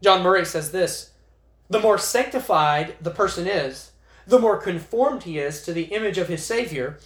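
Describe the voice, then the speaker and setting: A man's voice: high voice, normal speed, a bit bright. A man preaching a sermon at a church prayer meeting, earnest and growing emphatic as he reads scripture aloud. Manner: earnest, rises to emphatic when reading scripture. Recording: echoey chapel room.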